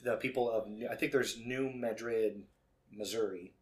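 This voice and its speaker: A man's voice: fairly low pitch, steady tone. A man from Illinois co-hosting a podcast, chatting casually over beer and often correcting himself mid-sentence. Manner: rambling, self-correcting, quick to laugh. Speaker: podcast co-host.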